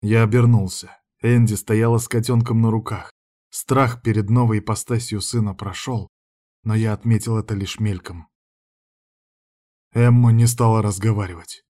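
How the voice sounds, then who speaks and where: A man narrating a first-person audiobook in an even, measured voice. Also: on the low side.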